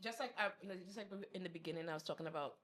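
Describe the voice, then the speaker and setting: Bright-voiced woman. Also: on the low side, rapid-fire. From Trinidad and Tobago. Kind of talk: casual podcast chat.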